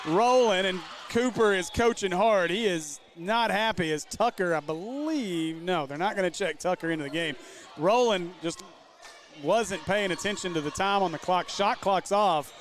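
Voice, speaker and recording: High-voiced man calling basketball play-by-play. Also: slight background noise. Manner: quick, running call of the action. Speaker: play-by-play commentator. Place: basketball gym.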